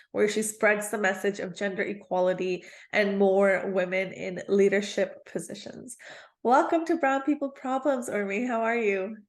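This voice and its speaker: An upbeat woman hosts a podcast and interviews her guest in a friendly, conversational way. Her voice sits at a middle pitch. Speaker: podcast host.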